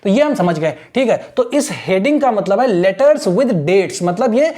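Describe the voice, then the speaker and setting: A man's voice: high voice, animated, mellow. Man drilling an English lesson. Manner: repeats "theek hai na" after nearly every phrase; reads English lines slowly, word by word, for imitation. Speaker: teacher. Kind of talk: online exam-prep English lesson.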